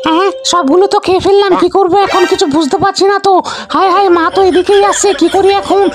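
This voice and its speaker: Woman voicing a very high-pitched, quick mischievous girl. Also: steady tone, music in the background. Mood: panicked scheming. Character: mischievous greedy young girl, excitable and crafty. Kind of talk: comic cartoon story dialogue.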